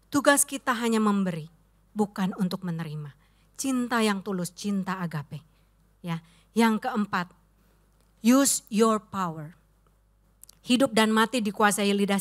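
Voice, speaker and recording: A woman pastor preaching a sermon, telling anecdotes and acting out the voices of the people in them. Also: mid-range voice. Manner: animated storytelling, acting out quoted voices; addresses the congregation as "saudara".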